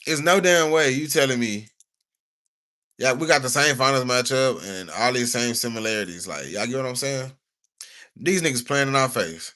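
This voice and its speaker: A young man talks on his livestream in a bright, forward voice at a middle pitch. His talk is loose, slangy and rambling. When he reads from notes it turns stiff. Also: moderate pace. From United States.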